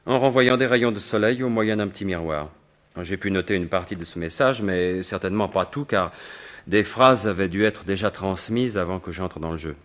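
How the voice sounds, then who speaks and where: An actor in a 1950s-style French radio mystery plays a confident, wry gentleman thief who has become an investigator. In a low voice at normal speed, he delivers assured, formal, articulate lines with a grave, probing mood.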